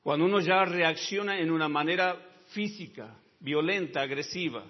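In a large, reverberant hall that leaves the audio dull, a man preaches at a moderate pace. He moves between low, quiet asides and loud, high shouting, repeatedly calling his listeners brother and adding amen.

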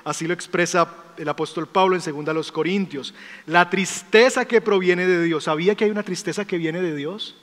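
Man preaching in a big echoey church hall, emphatic, goes soft when telling stories. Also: high voice, a little fast. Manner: emphatic, rhetorical questions, drops to soft storytelling. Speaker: pastor. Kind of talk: sermon. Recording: long hall reverb.

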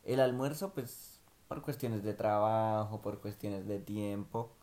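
A young man, co-hosting a vlog in relaxed, rambling casual chat full of fillers. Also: fairly low pitch, slow pace. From Colombia. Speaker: vlog co-host.

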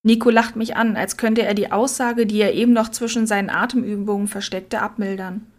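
A woman narrating a story in a quiet, subdued reading voice. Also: medium pitch, fairly even intonation, a little fast. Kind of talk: scripted audiobook narration.

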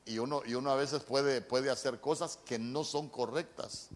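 A man's voice: medium pitch, fairly even intonation, normal speed. A middle-aged man with a Honduran accent preaching a sermon, telling a personal story earnestly and often stumbling and repeating words. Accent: Honduran Spanish. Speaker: pastor.

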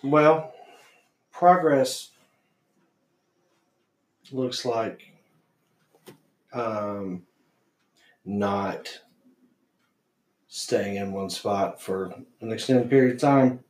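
A man with a thick Appalachian accent, a guest talking casually and haltingly, with drawn-out fillers. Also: on the low side, roomy sound. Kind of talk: casual chat.

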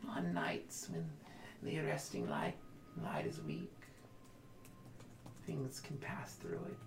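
A woman's voice: low-pitched, big pitch swings, vocal fry, pitched above the performer's own voice, exaggerated voice. Woman doing a creepy whispering fae oracle, whispered role-play. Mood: eerie. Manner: slow, eerie, whispery. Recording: roomy with background noise.

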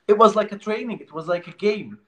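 A man's voice: sits high, lively intonation, a little fast, pushed and bright. A Palestinian man giving an impassioned interview, pressing his points with emphasis and repeating words as he goes. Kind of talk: remote interview.

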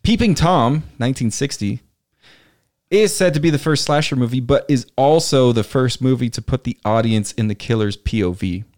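A man's voice: mid-range voice, normal speed, a little mellow. A man hosting a podcast in casual chat, presenting trivia and games to his co-hosts. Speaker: podcast host.

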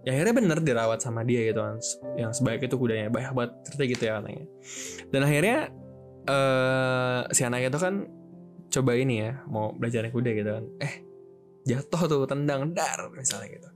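A young man casually telling a religious story, chatty and slangy, jumping into quick voices for the characters. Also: medium pitch. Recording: music playing behind.

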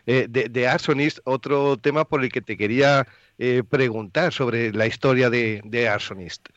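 A man's voice: mid-range voice, moderate pace, fairly bright tone, no room sound, highs cut off. A male radio host asking questions in an interview, speaking hesitantly with many fillers.

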